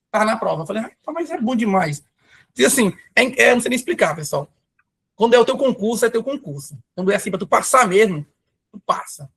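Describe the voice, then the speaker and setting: With a high-pitched, fairly bright voice that has a breathy edge, a Brazilian man from Pará teaches math for civil service exams. His live online prep class is chatty and enthusiastic, dotted with storytelling asides.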